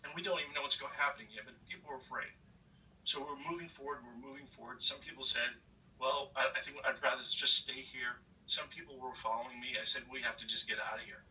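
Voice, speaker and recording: A man from the New recounting a disaster in an emotional first-person account, halting and repeating words as he goes. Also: mid-range voice, steady tone, sharp tone, distant mic, low-quality recording. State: slightly hyperventilating. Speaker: interviewee recalling a disaster.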